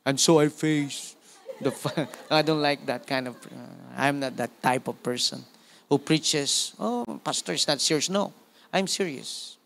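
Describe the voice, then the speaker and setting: A man in his forties with a Filipino accent, preaching a sermon in an animated way and often calling out amen and praise God. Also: medium pitch, a little slow, gravelly, slight background noise. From Philippines. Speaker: pastor.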